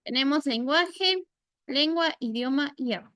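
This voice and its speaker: A woman's voice: high-pitched, a little slow. A woman teacher lecturing a class, explaining with everyday examples and often checking in with "¿verdad?". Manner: acts out little quoted scenes in lively voices.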